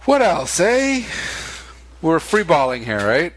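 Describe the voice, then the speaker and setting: A man co-hosting a casual late-night podcast chat, teasing his partner with deadpan jokes. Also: on the high side, slow pace. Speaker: podcast co-host.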